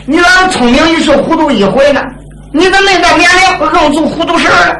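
A man voicing a shrewd, jovial old duke who scolds a prince in a drum-ballad story, teasing him with laughs and shouts. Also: very high-pitched, brisk, slight background noise, pitched above the performer's own voice, exaggerated voice. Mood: scolding. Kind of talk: drum-ballad storytelling with spoken role-play. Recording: roomy, loud instrumental accompaniment.

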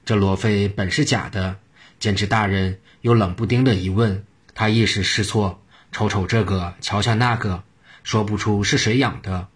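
A man reading a traditional story aloud in a steady narrating manner. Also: lowish voice, normal speed, slightly rough.

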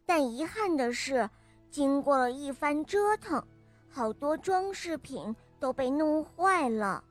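High-voiced woman telling a children's story. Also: slow, faint music behind. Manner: bright, lively storytelling voice. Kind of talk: scripted children's story narration.

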